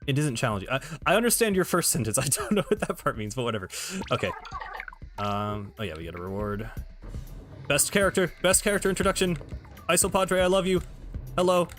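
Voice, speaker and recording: A man's voice: on the high side, fairly quick, long pauses, fairly bright tone. A man streaming a game, chatting casually in a rambling way with restarts and laughs. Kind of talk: casual gameplay commentary. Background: game music.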